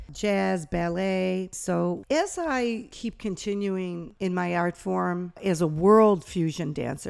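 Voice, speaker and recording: American woman, 60s, podcast guest; low, mellow voice, close dry sound. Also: creaky, no echo. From Niagara Falls, New York, USA. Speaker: podcast guest, dance teacher and performer. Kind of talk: conversational interview storytelling.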